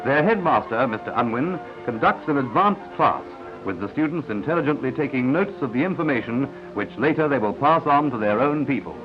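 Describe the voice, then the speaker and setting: A man's voice: medium pitch, expressive, brisk, few pauses. A man narrating an old 1950s newsreel in a confident announcer style, with asides to the viewer. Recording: dull lo-fi 1950s newsreel soundtrack. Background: newsreel music.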